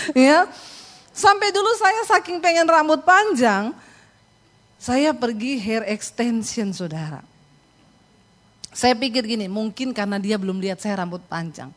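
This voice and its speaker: Woman pastor, middle-aged, lively storyteller, slightly high voice. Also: unhurried, pauses often. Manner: animated storytelling, laughing asides. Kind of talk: sermon.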